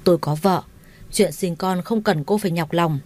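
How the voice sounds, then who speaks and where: A woman's voice: on the low side, moderate pace, darkish tone, lightly acted. Woman reading as a cold, curt young husband. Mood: scornful. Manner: curt, dismissive.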